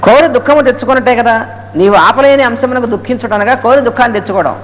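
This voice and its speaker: A man with a high voice rushes through a spiritual discourse, breaking off to chant Sanskrit verses slowly. His talk rings with the long reverb of a hall, and a faint hiss sits behind it. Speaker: Gita lecturer. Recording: echoey hall with faint noise.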